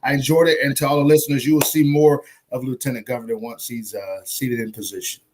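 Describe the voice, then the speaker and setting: A man's voice: medium pitch, fairly even intonation, fast talker. A man hosting a podcast, speaking fervently and emphatically, closing with a preacher-like prayer. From North Carolina. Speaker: podcast host.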